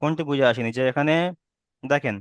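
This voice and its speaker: A man's voice: medium pitch, brisk, no room sound, highs cut off. A man teaching Quran recitation rules online, patiently repeating each rule and checking that students understand. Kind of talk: online tajweed lesson.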